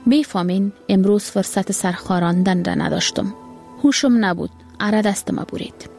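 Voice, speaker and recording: A woman's voice: medium pitch, gravelly, darkish tone, soft background music, lightly acted. A woman doing a weary grieving carpenter. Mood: sorrowful. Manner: tired, sorrowful, terse.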